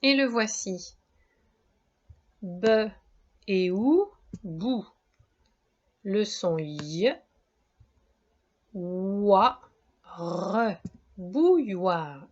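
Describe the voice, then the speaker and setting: A woman's voice: mid-range voice, expressive, very slow, pauses often, a little mellow. A woman teacher giving a spelling dictation lesson to young children, breaking words into syllables, careful and encouraging. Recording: dull lo-fi sound.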